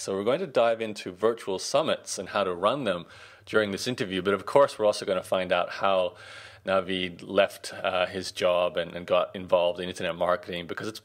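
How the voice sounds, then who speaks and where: A man hosting a podcast interview, talking in a relaxed, conversational way with some fillers. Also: deep voice. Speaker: podcast host.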